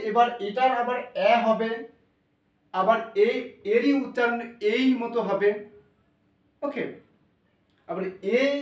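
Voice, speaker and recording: A man's voice: very high voice, dull audio. A male maths teacher with a Bengali accent giving an informal, reassuring classroom lesson and thinking aloud as he explains. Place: classroom with blackboard. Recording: roomy, voice from a distance.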